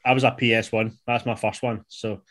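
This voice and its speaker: Amid casual football podcast banter, a late-twenties podcast producer with a Scottish accent runs a quiz. He speaks briskly in a lowish, flat voice, and a crowd can be heard behind him.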